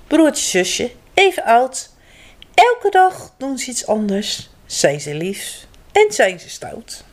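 A woman reading a children's picture book aloud, playing the characters' lines with bright lifts in her voice. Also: on the high side. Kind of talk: children's story read-aloud.

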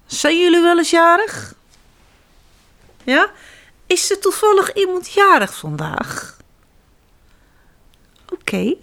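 A woman reads picture-book stories aloud to young children. Her delivery is slow and deliberate, with a very lively, swooping pitch. She talks straight to her little listeners. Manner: animated, addressing children directly. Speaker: children's storyteller.

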